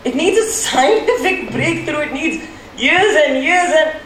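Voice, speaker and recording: A man's voice: very high voice, expressive, unhurried, fairly bright tone, voice pushed up, exaggerated voice. A man playing a young hacker in a school stage play, dramatic and self-questioning. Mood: anguished. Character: young male hacker, boastful then guilt-ridden. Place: large school hall. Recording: echoey hall from far off, faint noise.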